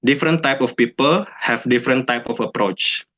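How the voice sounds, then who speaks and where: A man's voice: medium pitch, normal speed, a bit bright. A young man giving a chatty talk to students, mixing in English phrases and acting out quoted people. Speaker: alumnus speaker. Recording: dull lo-fi sound.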